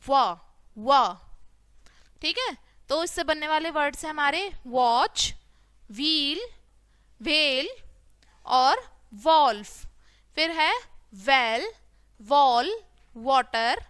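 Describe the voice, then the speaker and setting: A high, bright woman's voice teaching phonics to children at an unhurried pace. She asks a question, then answers it herself, and draws out each letter sound. The recording is close and dry. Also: no echo.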